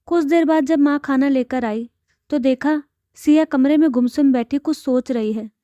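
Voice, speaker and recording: A woman narrating an emotional family story and voicing all the parts herself, with a soft, dramatic delivery. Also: sits high, normal speed, dry recording. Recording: dull lo-fi dry recording.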